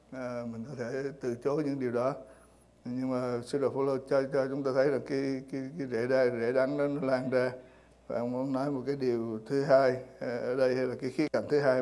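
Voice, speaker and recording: A man's voice: medium pitch, a little mellow. A man preaching a sermon in church, speaking hesitantly with many fillers and repeated words. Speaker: pastor.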